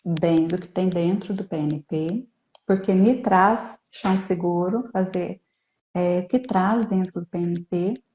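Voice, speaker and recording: A woman therapist, a guest in a live online interview, explaining her clinic work in a calm, steady way. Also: on the low side, a little slow. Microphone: video call. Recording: dull, echoey video call audio.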